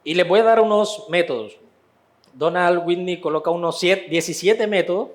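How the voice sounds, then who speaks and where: A man's voice: high-pitched, normal speed. A man teaching a church Bible class in a conversational way, repeating phrases for emphasis.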